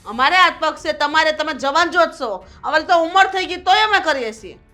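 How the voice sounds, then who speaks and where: A woman plays a proud, bossy mother-in-law. Her voice is high and bright, and she lectures with indignant authority. Faint music sits under the dialogue. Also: lively intonation, fairly quick. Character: domineering proud mother-in-law, strict and scolding. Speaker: actor in a short film. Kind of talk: family drama acting.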